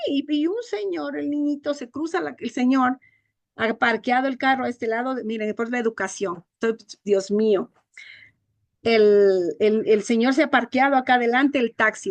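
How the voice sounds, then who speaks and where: A woman's voice: a little high, no echo. Earnest woman teacher lecturing. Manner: earnest, indignant storytelling. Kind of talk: online class lecture. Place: home.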